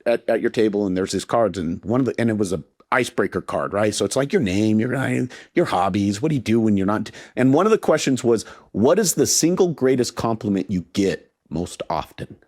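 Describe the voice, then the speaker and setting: A man's voice: on the low side, animated, a little fast, few pauses, darkish tone. A man in his fifties, a podcast guest talking in a casual interview, earnest and heartfelt, often repeating words as he restarts a thought. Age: 50s.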